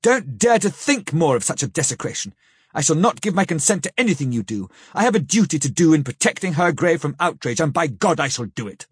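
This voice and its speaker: A man's voice: a little high, fairly even intonation, a little fast, hardly any pauses, warm tone, slightly rough, dry recording, clean studio sound. A man voicing a young nobleman who speaks with indignant, outraged passion in an audiobook. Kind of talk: audiobook character reading.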